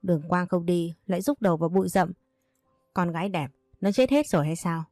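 A woman voicing a domineering older mother who scolds her son in fast, sharp-tongued bursts. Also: lowish voice, dry recording, studio quality, soft background music, natural voice. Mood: scornful.

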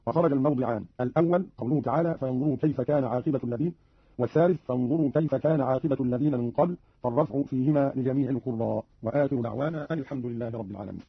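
A man's voice: medium pitch, rapid-fire, gravelly, husky, no room sound, muffled recording. A man formally explaining Quran recitation variants, reading out example verses, on an archival radio recording.

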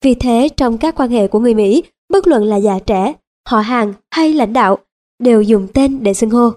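Woman, audiobook narrator, measured reading, fairly high pitch, mellow tone. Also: animated. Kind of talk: scripted narration.

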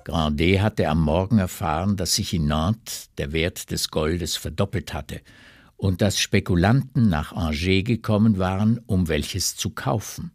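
Deep dry male narrator. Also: measured pace, no echo. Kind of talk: scripted narration.

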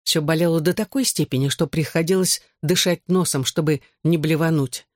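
Steady audiobook narrator, dry close sound. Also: medium pitch, moderate pace, no echo. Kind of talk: scripted first-person novel narration.

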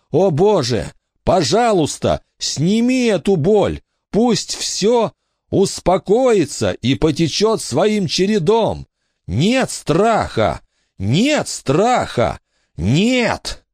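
A man's voice: fairly high pitch, wildly swooping pitch, slow pace, darkish tone, no room sound, studio quality, voice pushed up, exaggerated voice. A man voicing the tormented ghost of a dead man, lost and desperate, who pleads in frantic screams. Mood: anguished pleading.

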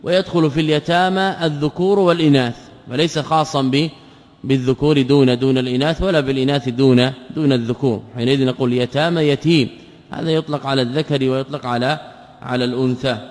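Male scholar giving a lecture on a text, mid-pitched voice, asks and answers his own questions, echo from a long hall. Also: steady tone. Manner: poses rhetorical questions and answers them himself; repeats words and patterns slowly for emphasis. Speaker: Islamic scholar teaching a text. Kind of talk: lecture explaining a classical text.

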